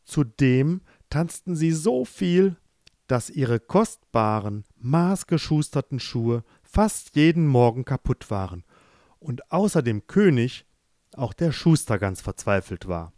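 Expressive man reading a fairy tale. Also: medium pitch, slow pace, no room sound, studio quality. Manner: expressive, lively storytelling. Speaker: narrator.

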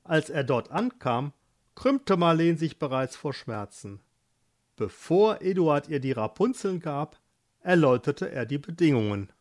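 A narrator reading a fairy tale aloud at a slow, measured pace. The reading is expressive, and the pitch rises and falls in wide, lively arcs. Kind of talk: storybook reading.

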